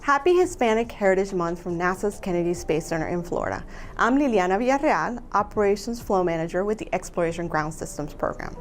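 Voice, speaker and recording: A woman from Colombia, an aerospace engineer, giving a measured, earnest scripted statement. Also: fairly low pitch, animated, soft background music.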